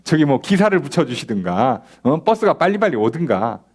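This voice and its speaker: A man's voice: mid-range voice, sing-song, fairly quick, breathy edge. A man pastor teaching a Bible study in a conversational way, acting out little dialogues and asking rhetorical questions. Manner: conversational, acts out imagined dialogues in a softer voice, asks rhetorical questions. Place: church.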